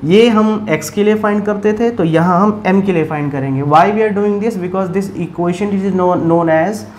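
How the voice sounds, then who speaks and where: A man's voice: high-pitched, slow pace, a little mellow, a little hiss or hum. A man with an Indian accent teaching a math lesson. He explains each step, then asks questions and answers them himself. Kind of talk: explaining a math problem, mixing Hindi and English.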